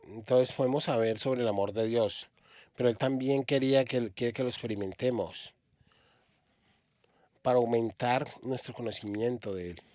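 Halting male preacher, dry sound. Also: medium pitch, darkish tone, no room sound. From Australia. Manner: halting, frequent restarts and repeated words. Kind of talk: sermon. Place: church.

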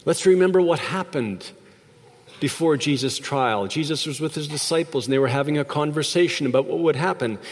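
A man's voice: a little high, fairly quick. A man preaching a sermon as a pastor, reflective, asking his listeners rhetorical questions. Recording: long reverb of a large hall.

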